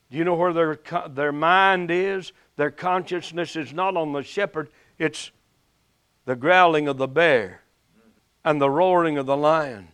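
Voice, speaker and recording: A man with an Appalachian accent delivers a folksy sermon at a very unhurried pace. His voice sits somewhat high for a man, and he stretches out key words as he tells his story. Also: fairly bright tone, smooth. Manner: folksy, deliberate phrasing with drawn-out emphasis. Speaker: preacher.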